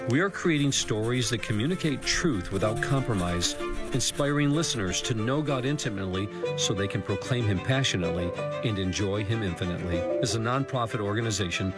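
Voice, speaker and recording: A man reading a scripted donation appeal as announcer, in an earnest, measured manner over music. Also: medium pitch. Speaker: announcer for an audio drama ministry. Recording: loud music under the voice.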